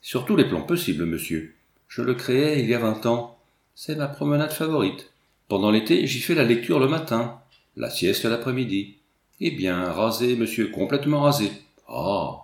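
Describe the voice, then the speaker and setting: Fussy plump little landowner read by a man, lamenting and wheedling, lively swings in pitch, echoey room. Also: moderate pace, close to an everyday voice. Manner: theatrical, lamenting, coaxing. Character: small fat fussy male landowner, plaintive, wheedling.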